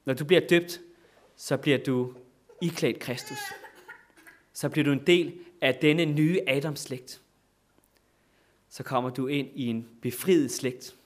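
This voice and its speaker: A man preaching a sermon in a church, repeating phrases and rising to loud exclamations between looser, filler-laden stretches. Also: mid-range voice, pauses often.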